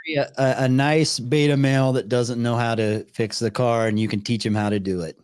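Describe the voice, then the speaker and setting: A man's voice: medium pitch, fairly even intonation, fairly quick, a little mellow, clear, resonant tone, no room sound, clean studio sound. A man hosting a live call-in advice show over a video call, opinionated and hesitant. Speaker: host.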